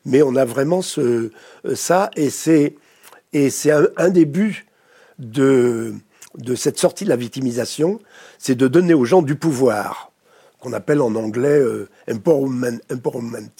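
A French man with a French accent, a therapist speaking as a guest in an interview, reflective and pausing often to search for words. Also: mid-range voice, expressive, warm tone, slightly rough. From France. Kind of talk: studio interview.

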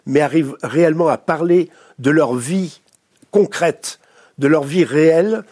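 A French man with a French accent, a therapist speaking as a guest in an interview, reflective and pausing often to search for words. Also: on the high side, darkish tone, slightly rough. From France. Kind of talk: studio interview.

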